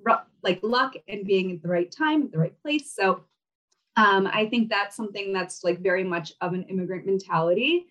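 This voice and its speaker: Heard from a distance through dull audio, the fashion brand founder, a young Kazakh woman and native Russian speaker, talks at a moderate pace in a fairly bright, medium-pitched voice. The interview is casual, with plenty of fillers and laughter.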